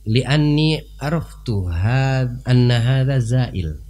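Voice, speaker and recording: A preacher voicing a wandering holy fool who shouts mockery down at a king. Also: medium pitch, lively intonation, takes it slowly, voice pushed up. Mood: calm, defiant. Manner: shouting, teasing.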